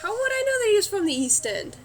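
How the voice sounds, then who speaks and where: High, lively, emphatic woman. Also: quick pace. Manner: emphatic, repeats words when excited. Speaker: co-host. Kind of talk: casual group chat.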